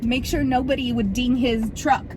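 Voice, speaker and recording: Woman vlogger, bubbly and chatty, rambling from the driver's seat; loud car and traffic noise underneath. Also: high voice, fairly even intonation, moderate pace. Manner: bubbly, rambling, spiritual talk, laughs a lot. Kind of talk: casual chat to camera. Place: in a car driving through a city.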